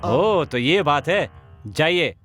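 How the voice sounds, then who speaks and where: A young actor in a dubbed horror comedy playing a sly nephew who calmly threatens his uncles. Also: fairly high pitch, takes it slowly, breathy edge, faint music behind, heavily acted. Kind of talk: dubbed film acting.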